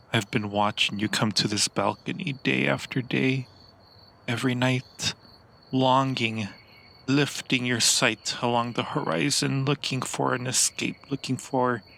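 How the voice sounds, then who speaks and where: In an improvised ASMR roleplay, a man voices a centuries-old vampire who is yearning and possessive, addressing the listener intimately and theatrically with lingering dramatic pauses. His mid-range voice has vocal fry and sounds pushed and bright.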